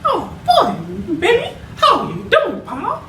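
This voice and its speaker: Mickey Mouse. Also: male voice, wildly swooping pitch, takes it slowly, background noise, heavily acted. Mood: cheery. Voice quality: falsetto, giggly. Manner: chirpy catchphrases. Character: cheerful squeaky male cartoon mouse. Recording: roomy, distant mic.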